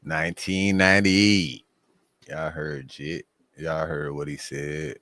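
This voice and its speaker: A man's voice: a bass voice, flat delivery, takes it slowly, bright, forceful tone, no echo. A man hosting a casual streamed chat, joking in loose, profane banter. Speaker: host.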